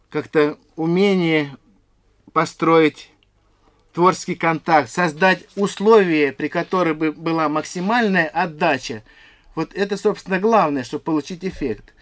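A man in his fifties, an institute director, answering interview questions in an earnest, explanatory, slightly halting way. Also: fairly high pitch, fairly bright tone. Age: 50s.

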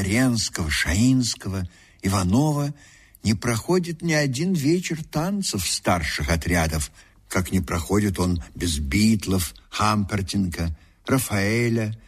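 A man narrating a documentary from a script, in a measured, expressive storytelling manner. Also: on the low side, slightly rough.

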